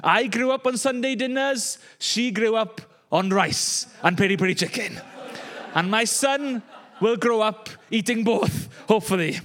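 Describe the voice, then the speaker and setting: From Wales, this young male pastor gives a chatty sermon at a measured pace, dropping in jokes and laughing asides. His voice is high and a bit bright.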